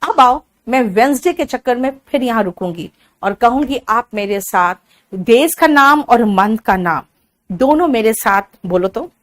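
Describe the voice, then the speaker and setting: Slow-drilling female English teacher from Bihar. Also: a little high, lively intonation. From Bihar, India. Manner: drills words slowly, calls students "beta". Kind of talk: spoken English lesson.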